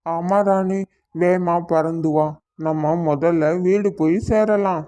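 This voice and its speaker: A man's voice: fairly high pitch, fairly even intonation, slow pace, dark tone, clear, resonant tone. A man doing a grumpy male crow. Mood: impatient. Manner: grumbling, impatient.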